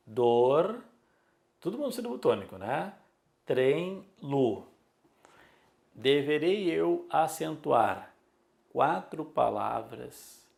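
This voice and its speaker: A man's voice: mid-range voice, vocal fry, darkish tone. A man teaching a class with a Brazilian Portuguese accent, drawing out words for emphasis and asking rhetorical questions. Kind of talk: classroom lecture.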